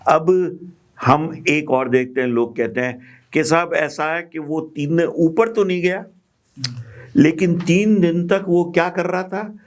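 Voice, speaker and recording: Slow, patient male Bible teacher. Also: on the high side, steady tone. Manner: slow, patient, with frequent pauses and fillers. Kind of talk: explaining scripture in a group Bible study.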